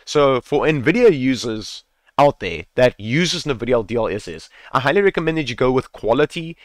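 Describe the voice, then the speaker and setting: A man talks through a screen-recorded tutorial in a relaxed, chatty way, repeating his tips and dropping casual swears. His voice sits at an ordinary mid pitch. It comes through a headset mic with a dry, close sound. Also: moderate pace, no echo. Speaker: gaming tutorial creator.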